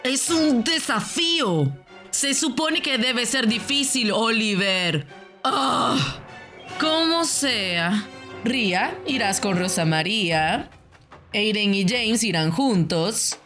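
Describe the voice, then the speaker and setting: Curt camp host, voiced by a woman, lively pitch, slow delivery, cartoon series. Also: soft background music. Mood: announcing. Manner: curt, announcing, unbothered. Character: stern, dry camp game host woman. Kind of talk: animated web series voice acting.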